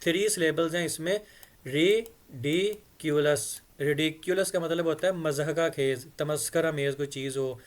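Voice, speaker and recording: A man teaches English phrases. He reads each English line slowly and carefully, then explains its meaning at length. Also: fairly high pitch, fairly even intonation.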